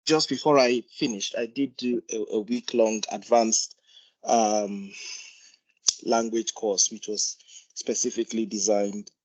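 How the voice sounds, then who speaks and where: A man's voice: on the low side, rough recording. A man with a Nigerian accent contributing to an informal discussion as a doctor, hesitantly repeating words as he explains. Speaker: GP doctor, meeting participant.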